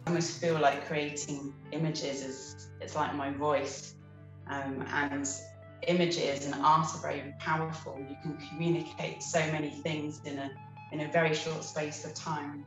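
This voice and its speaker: A woman's voice: low-pitched, flat delivery, measured pace, soft background music. A woman artist speaking earnestly in an interview, with frequent ums. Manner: earnest, with many fillers. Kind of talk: interview monologue. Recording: echoey room, mic far off.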